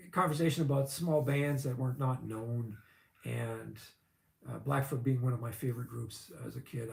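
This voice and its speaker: A man's voice: mid-range voice, vocal fry, a little mellow. Rambling man telling stories in an echoey room. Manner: rambling, chatty, with frequent fillers and asides. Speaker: vlogger. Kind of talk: casual storytelling.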